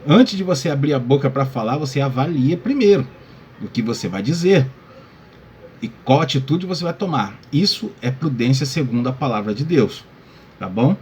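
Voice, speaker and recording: Over slight background noise, a male pastor with a medium-pitched, darkish voice and lively intonation speaks at normal speed. He gives a casual Bible lesson full of fillers like "tá?" and "né?", addressing listeners as brother.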